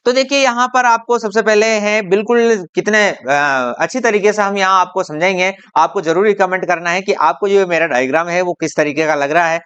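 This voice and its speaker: Patient teacher with a smooth voice. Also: mid-range voice, a bit bright, lo-fi sound. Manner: patient and repetitive, drawing out example words slowly; asks the viewer questions and answers them. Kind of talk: classroom-style explainer video.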